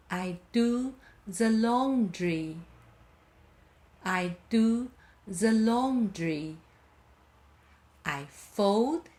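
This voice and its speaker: Very slow-speaking woman teaching English. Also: on the high side, a little mellow. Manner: says each short phrase twice, leaving it in measured pieces; careful, deliberate enunciation. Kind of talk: slow shadowing lesson, scripted.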